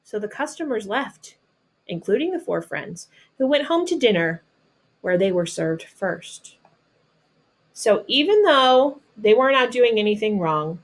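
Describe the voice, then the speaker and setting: A woman from North Carolina in the United States, with an American accent and a medium-pitched voice, reads a picture book aloud the way a teacher would. She pauses to explain things to the children simply and patiently.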